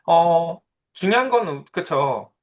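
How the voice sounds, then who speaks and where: A man's voice: on the high side, animated, slow pace. A man in his thirties, a pastor, giving a conversational sermon and telling personal stories. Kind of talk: sermon with Bible reading.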